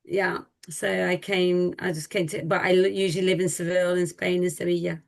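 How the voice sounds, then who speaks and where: A woman's voice: lowish voice, level tone, a little fast, creaky. Chatty woman on a video call. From Liverpool, England. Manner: chatty, restarts and repeats herself while telling an anecdote. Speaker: guest. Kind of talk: casual group video chat.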